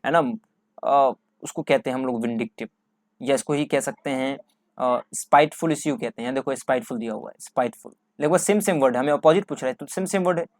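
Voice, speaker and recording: A man's voice: mid-range voice, fast talker, no echo. A male English teacher explains exam vocabulary, asking questions and answering them himself, repeating key words. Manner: repetitive, asks and answers his own questions.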